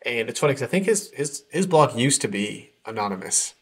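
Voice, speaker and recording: A man's voice: mid-range voice, sing-song, a little fast, husky. A man co-hosting a podcast, chatting casually and upbeat with many fillers over a call. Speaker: podcast co-host. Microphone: remote call.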